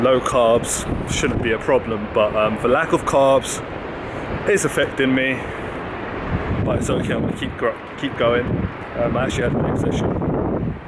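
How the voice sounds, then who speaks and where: A man talking casually to viewers as a fitness vlogger, raising his voice outdoors. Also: mid-range voice. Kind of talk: casual vlog talk to viewers. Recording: windy, noisy microphone with traffic.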